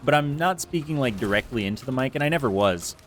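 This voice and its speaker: A man with a medium-pitched, fairly bright voice talks fast and animatedly while streaming a game from home. Using a close desk mic with a foam screen in a room with an air conditioner, he rambles in a chatty, self-deprecating way with many fillers, over a slight hiss or hum.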